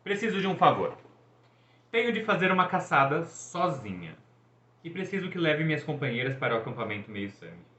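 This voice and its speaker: A man's voice: a little high, sing-song, a little fast, sharp tone. A man doing a stern, weary goddess huntress. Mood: curt. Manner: curt, exasperated. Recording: echoey, dull room recording.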